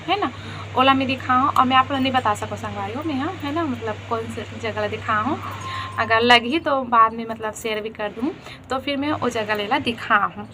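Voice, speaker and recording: A young woman with a Chhattisgarhi accent tells her own story to her viewers and keeps calling them friends as she goes. Her voice sits a little high. A faint hiss runs under the recording. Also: bright, forceful tone. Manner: chatty, addresses viewers as friends. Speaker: vlogger. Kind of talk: casual storytelling.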